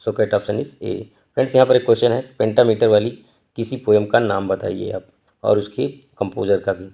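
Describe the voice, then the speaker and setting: A man teaching an exam prep lesson, reading each question slowly and then explaining it quickly. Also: on the low side, flat delivery, vocal fry, muffled recording. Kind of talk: quiz walkthrough lesson.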